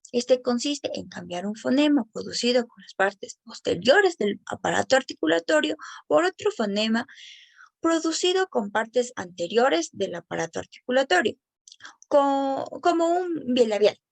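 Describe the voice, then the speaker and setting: A woman reads an educational presentation in a careful, explanatory way. Her voice sits a little high with a gravelly, creaky texture. The recording is close and dry, with no room sound. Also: sing-song, no echo. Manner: careful, explanatory, slows down on example words.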